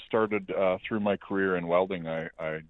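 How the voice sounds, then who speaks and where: Middle-aged Canadian male guest, deep and dry, phone-line quality. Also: moderate pace, no room sound. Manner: relaxed, rambling with many fillers. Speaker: guest, metal fabricator and speed shop owner. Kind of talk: casual interview chat.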